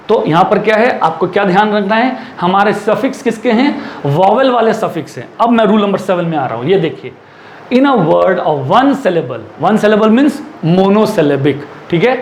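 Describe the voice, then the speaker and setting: A man teaching an English lesson in Hindi mixed with English, asking the class questions and answering them himself, and repeating rules slowly as he writes them out. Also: high-pitched. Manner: repeats and dictates slowly while writing. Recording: echoey room with faint ambient noise.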